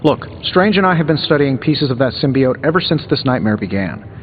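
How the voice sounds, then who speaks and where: In this video game dialogue, a man with an American accent plays the wisecracking genius inventor superhero, glib and sardonic in a conversational way, lightly acted. His mid-range voice swings widely in pitch at a fairly quick pace, and muffled game audio with long reverb, music, and a little hiss or hum surrounds him.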